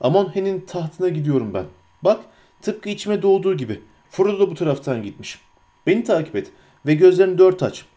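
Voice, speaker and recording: A man's voice: high-pitched, very animated, a little fast, dark tone, dull audio. A man voicing a stern, grave male ranger who leads the group, speaking firmly. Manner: firm, commanding.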